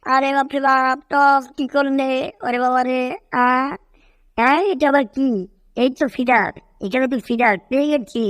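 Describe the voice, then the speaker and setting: Jerry, as a woman voices him: high excitable mouse. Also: moderate pace, no echo, in a large hall, natural voice. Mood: alarmed. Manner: excited exclamations and cries. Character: excitable cartoon mouse Jerry, quick to panic.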